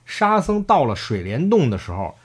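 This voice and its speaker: A man's voice: medium pitch, huge pitch swings, moderate pace, breathy edge. A man casually retelling a classic story, acting out the characters' lines and laughing often.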